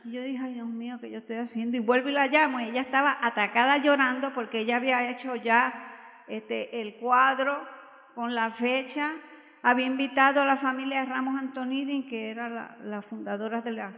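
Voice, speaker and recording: A woman's voice: on the high side, brisk, long reverb tail. Older Puerto Rican woman telling her testimony. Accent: Puerto Rican Spanish. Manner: animated storytelling, acting out quoted voices. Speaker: retired music teacher. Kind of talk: personal religious testimony.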